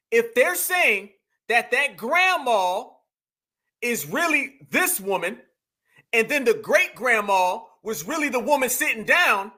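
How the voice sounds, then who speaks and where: A man's voice: very high-pitched, pushed and bright. A man delivering emphatic political commentary, preaching to his viewers and calling them family. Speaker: commentary vlogger.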